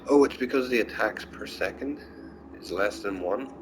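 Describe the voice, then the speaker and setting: A man's voice: on the low side, moderate pace, noisy background. A sleepy man casually thinking aloud while testing a weapon in a video game, often trailing off and restarting. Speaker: gameplay streamer. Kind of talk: casual gameplay commentary.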